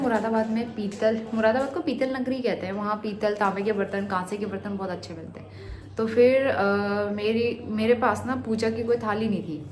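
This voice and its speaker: A woman's voice: mid-range voice, noisy background. A young woman vlogging from her home, chatting casually to viewers about her day. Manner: warm, homely and talkative, speaking to viewers and her child. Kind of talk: casual chatty vlog narration. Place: at home, indoors.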